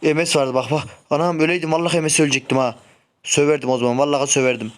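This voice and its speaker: A man's voice: a little high, steady tone, very fast. A young man streaming and commenting on his own gameplay, grumbling and swearing when things go wrong. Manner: frustrated, shouts sharply when the game goes wrong. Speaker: gaming streamer.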